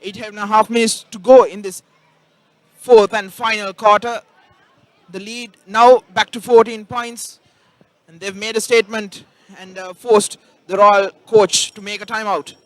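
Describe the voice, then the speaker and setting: A man giving energetic live commentary and analysis at a school basketball final, calling out plays loudly. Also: high-pitched, measured pace, no room sound. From Sri Lanka. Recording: crowd noise faint behind.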